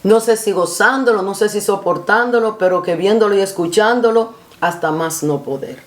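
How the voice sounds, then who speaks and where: A woman's voice: mid-range voice, normal speed. Earnest woman preaching in an echoey room. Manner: earnest, repetitive rhetorical phrasing; addresses listener formally as usted. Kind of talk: spoken reflection, sermon-like.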